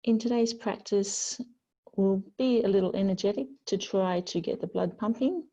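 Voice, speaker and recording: A woman teaching a yoga class, guiding students slowly and gently with soothing pauses. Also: mid-range voice, lo-fi sound. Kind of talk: guided yoga class instruction.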